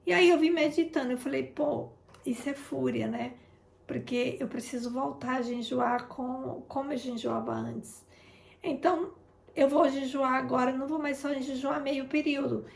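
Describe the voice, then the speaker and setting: Here a woman with a high voice and vocal fry talks at a moderate pace with fairly even intonation. She's an intercessor offering a chatty testimony on a prayer broadcast, often addressing listeners and acting out past conversations, and the room echoes noticeably.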